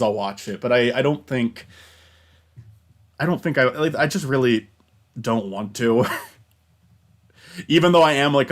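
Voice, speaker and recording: Rambling young man hosting a chat stream. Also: medium pitch. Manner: rambling, halting, swears casually. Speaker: stream host. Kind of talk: casual chat.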